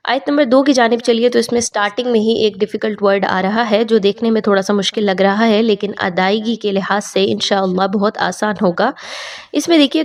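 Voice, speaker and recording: A woman teaching Quran recitation. She explains each rule patiently, then recites the words slowly and drawn out, repeating them several times. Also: mid-range voice. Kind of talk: tajweed lesson with slow recitation.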